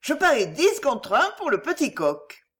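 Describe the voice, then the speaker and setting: A woman's voice: a little high, sing-song, moderate pace. Woman doing a teasing ironic noblewoman. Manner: bright, teasing, laughing. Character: witty ironic young French noblewoman, laughing.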